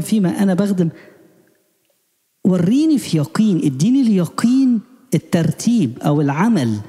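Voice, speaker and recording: A man with an Egyptian accent giving a spiritual sermon, asking rapid, pleading questions. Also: sits high, dark tone, big-room sound. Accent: Egyptian Arabic. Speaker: preacher.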